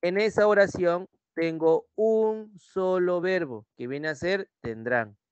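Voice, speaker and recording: A young man with a Peruvian Spanish accent gives a pre-university language lesson. His voice sits a little high and sounds dry and close. He repeats each point and keeps checking that students follow. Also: takes it slowly, clean tone, dry recording, highs cut off. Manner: repetitive, checks in with students using "¿sí?". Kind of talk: online class lecture.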